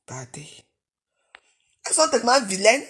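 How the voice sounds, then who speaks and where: A combative woman rants live at her viewers. She talks into a phone in her bedroom, alternately loud and scolding, then dropping to low mutters. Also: expressive, moderate pace. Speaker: livestreamer. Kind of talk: live video rant at viewers.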